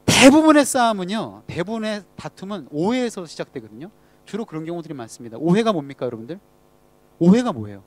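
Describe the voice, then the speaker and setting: A man preaching a sermon to a youth group, speaking conversationally, asking the congregation questions and letting phrase ends trail off quietly. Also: high-pitched, big pitch swings, fast.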